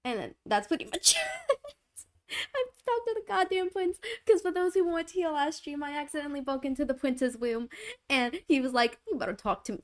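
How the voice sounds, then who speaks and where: Giggly young woman chatting on stream. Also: sits high. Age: young adult. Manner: giggly, rambling, repeats herself. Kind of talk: casual live-stream chat. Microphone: desk microphone.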